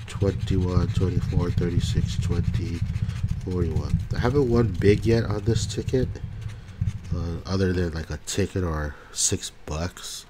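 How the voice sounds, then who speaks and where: Over heavy background noise, a man with a low voice, stuffed up from a cold, chats casually while scratching lottery tickets, slowly reading off each number in turn.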